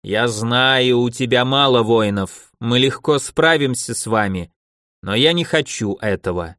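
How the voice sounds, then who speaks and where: A man voicing a scheming, commanding female nomad chieftain who talks in slow, drawn-out demands. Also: medium pitch, a bit bright, dry recording, clean studio sound, natural voice. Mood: persuasive.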